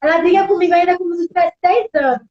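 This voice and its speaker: A woman's voice: extremely high pitch, quick pace, lo-fi sound. A middle-aged woman pastor with a Brazilian Portuguese accent, talking casually to her church, full of tag questions and acted-out quotes. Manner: chatty, tag questions, animated quoting.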